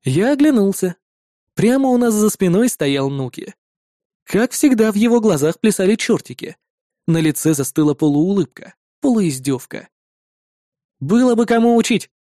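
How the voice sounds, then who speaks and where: A man narrating a fantasy audiobook in the first person, lively and wry. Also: sits high, moderate pace, no echo, clean studio sound.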